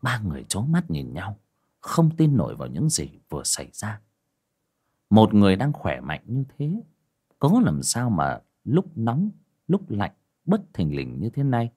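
Husky-voiced male horror storyteller. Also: lowish voice, a little slow. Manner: expressive storytelling. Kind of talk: audiobook horror story narration.

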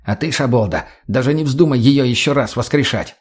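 A man voicing a hot-headed, foul-mouthed male junkie who turns shrill when agitated. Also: brisk, husky, lightly acted. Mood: angry.

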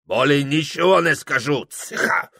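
A man voicing a gruff old Circassian servant who talks bluntly and gloomily. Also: fairly high pitch, a little slow, bright, forceful tone, voice pushed up, full character voice. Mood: scolding.

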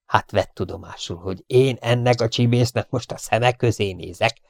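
A man voicing an angry, scheming gentleman villain in an audiobook, snapping with contempt at his servant. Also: lowish voice, vocal fry, dry recording. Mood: irritated.

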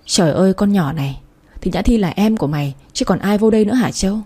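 A woman's voice: mid-range voice, animated, fast, dark tone, slightly rough. A woman doing an exasperated scolding mother. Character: flustered middle-aged mother, scolding and doting.

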